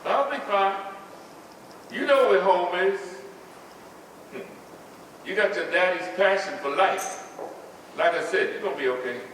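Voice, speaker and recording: An actor playing a protective grandfather on a theater stage, gruff and guarded, heard from a distant mic. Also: high-pitched, unhurried, pauses often, fairly bright tone, a little hiss or hum. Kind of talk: live stage drama. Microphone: distant room mic. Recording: echoey hall from far off.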